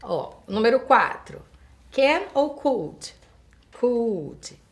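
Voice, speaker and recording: Woman teacher, Brazilian accent, slightly high voice, slow careful example sentences, direct questions to students. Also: very animated. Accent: Brazilian Portuguese. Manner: explains grammar step by step, reading example sentences slowly and translating them; addresses students directly, asking them questions. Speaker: English teacher. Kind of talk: recorded online school lesson.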